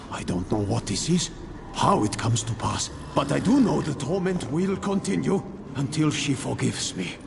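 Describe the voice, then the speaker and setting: Creaking, anguished ghost of a squire. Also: male voice, mid-range voice. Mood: bewildered, tormented. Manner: anguished, halting, pleading delivery. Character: tormented remorseful ghost of a male squire, pleading. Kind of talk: dramatic video game voice acting. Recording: long ghostly reverb, noisy ambience.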